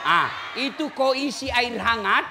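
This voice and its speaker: Man, sermon, teasing and shouting, reverberant hall, faint room hum. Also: very high-pitched, expressive, unhurried, a crowd in the background. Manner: teasing, shouting and singing to the audience. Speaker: Islamic preacher. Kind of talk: lively sermon to a crowd. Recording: echoey hall with faint ambience.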